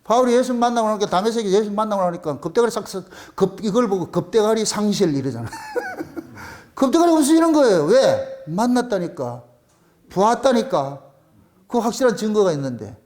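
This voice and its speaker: A man's voice: sits high, very animated, fairly quick, darkish tone. A male pastor with a Gyeongsang accent preaching a colloquial sermon full of rhetorical questions. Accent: Gyeongsang dialect.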